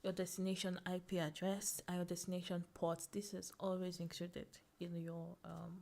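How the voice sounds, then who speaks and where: A young woman hosts a casual screen-share lesson, talking through the material in a slightly low voice. She thinks aloud, restarts her sentences and laughs now and then at her own slips. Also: monotone, moderate pace, vocal fry, darkish tone. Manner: thinking aloud, fillers and self-corrections, laughs at herself. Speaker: tech tutorial host.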